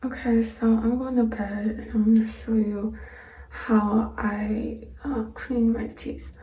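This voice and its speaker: Female vlogger, casual and halting, slightly high but monotone, recorded in an echoey room. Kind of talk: casual vlog to camera, explaining a routine. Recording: roomy echo, distant microphone.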